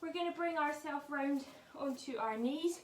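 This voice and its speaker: Breathless, high-voiced woman leading pilates. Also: normal speed, slight background noise. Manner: encouraging, counting reps while exercising along. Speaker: pilates instructor. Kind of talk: guided workout instruction. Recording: echoey room, voice from a distance.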